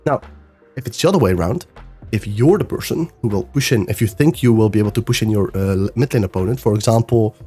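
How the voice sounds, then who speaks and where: A young man talks through a gameplay review like a coach, his voice nasal and a little rough from being sick. His tone is mellow and dark. Faint music plays softly behind him. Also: fairly low pitch, quick pace. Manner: explanatory, loose with fillers and restarts. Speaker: game coach. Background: soft background music.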